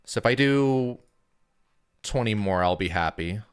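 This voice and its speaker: This young man's voice is lowish, clear, and resonant, and he takes his time as he chats with live-stream viewers. He rambles easily and leans heavily on "like" as a filler.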